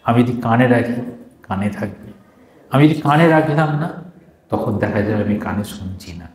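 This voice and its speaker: A man's voice: medium pitch, expressive, moderate pace, darkish tone. A man, a monk, giving a devotional talk to a gathering: he reads formal passages aloud, then explains them in plain speech, asking questions and answering them himself. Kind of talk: devotional discourse with reading and explanation. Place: gathering hall before a live audience. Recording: echoey hall with faint background noise.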